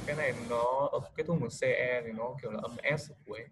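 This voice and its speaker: A man with a Vietnamese accent teaching English over a video call. His pitch sits at a middle level for a man, and he talks patiently, with many ums and uhs. Steady noise hums behind the call. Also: quick pace. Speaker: English tutor. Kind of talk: online English lesson.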